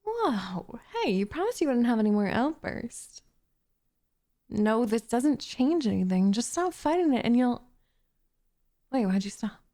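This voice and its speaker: Voicing a possessive witch who is smitten, a woman in an ASMR roleplay sounds smug as she coaxes and talks down to the listener. Her soft, fairly high, sing-song voice slips into whispers, moving at a measured pace with long pauses.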